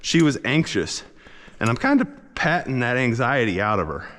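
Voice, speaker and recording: A man working as a horse trainer, coaching a rider in a folksy, encouraging way and cooing softly to the horse. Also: mid-range voice, big pitch swings, normal speed, long reverb tail. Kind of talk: instructional coaching.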